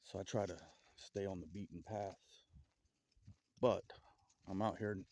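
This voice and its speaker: A man with a Southern US accent vlogging outdoors in a forest, rambling and halting with stutters and restarts as he muses aloud. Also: low-pitched, steady tone, a little mellow. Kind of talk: casual outdoor vlog musing.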